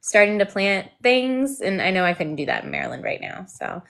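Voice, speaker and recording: A woman's voice: mid-range voice, very animated, fairly quick, creaky, a bit bright. A woman co-hosting a live stream on education advocacy, chatting in an easygoing, rambling way. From lives in Georgia. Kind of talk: casual chat.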